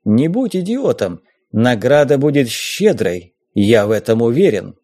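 A man's voice: medium pitch, sing-song, measured pace, mellow, no room sound, clean studio sound. A man voicing a sly, pushy ghost pirate in an audiobook, in a raised sing-song voice.

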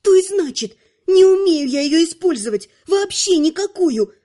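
A woman's voice: very high voice, lively intonation, normal speed, mellow, pitched above the performer's own voice. A woman voicing a tearful, upset young female student witch in an audiobook. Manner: upset, near tears.

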